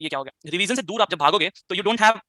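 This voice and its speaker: Male history tutor, high and very fast, keeps asking the class questions, dry close sound. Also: pushed and bright, no room sound. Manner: fires rhetorical questions, frequent tag questions; mixes English phrases into Hindi. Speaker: history teacher. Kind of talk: live online class lecture.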